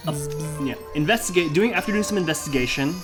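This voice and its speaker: A man's voice: on the high side, lively intonation. Male game master over background music. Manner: halting, improvised phrasing. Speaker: host and dungeon master. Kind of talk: casual tabletop game narration.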